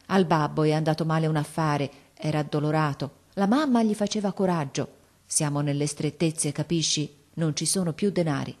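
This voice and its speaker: A woman's voice: sits low, darkish tone. Woman voicing an earnest, determined young girl. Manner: earnest, pleading and insistent. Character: resolute, loving young girl, older sister.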